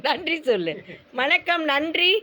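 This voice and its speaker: A woman's voice: high voice, big pitch swings, unhurried, bright, forceful tone. An older woman coaching a child in a casual, encouraging way in a home recording. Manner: encouraging, praising. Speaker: grandmother singing for a dancing child.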